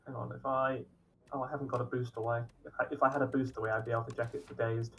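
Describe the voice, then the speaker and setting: A man chatting casually as a co-op partner in a gameplay stream, relaxed and quick to laugh. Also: medium pitch, gravelly, a little hiss or hum. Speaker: co-op game partner.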